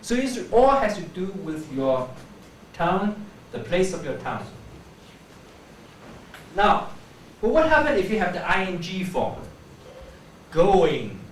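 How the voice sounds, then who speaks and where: Animated man demonstrating pronunciation, echoey. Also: sits high. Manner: demonstrates sounds slowly, repeating words. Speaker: pronunciation teacher. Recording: echoey room, voice from a distance, faint background hum.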